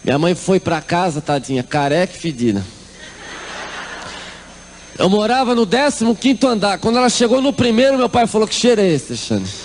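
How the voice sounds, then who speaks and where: A middle-aged man with a Brazilian accent delivers a church testimony as lively comic storytelling. His voice sits a little high, and he slips into the people of his story as he talks. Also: moderate pace, long pauses, slight background noise. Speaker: testimony speaker.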